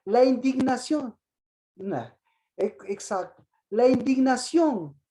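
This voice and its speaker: A woman's voice: high voice, expressive, takes it slowly, warm tone, poor audio. A woman preacher giving an interactive sermon, asking the congregation questions over and over and acting out the voices she quotes. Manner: asks the congregation repeated questions; acts out quoted voices with rising emphasis.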